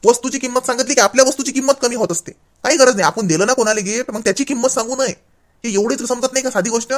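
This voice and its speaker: A man playing an exasperated adult son who scolds and lectures his mother in a comic sketch. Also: very high-pitched. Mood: scolding. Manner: scolding, lecturing, fast and impatient.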